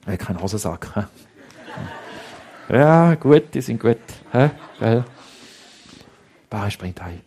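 A man with a Swiss German accent telling a story to children in a lively way, dropping to hushed tones for suspense, in a husky voice. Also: on the low side, takes it slowly, pauses often.

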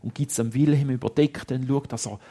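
A man with a Swiss German accent telling a story to children in a lively way, dropping to hushed tones for suspense, in a husky voice. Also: medium pitch, fairly quick.

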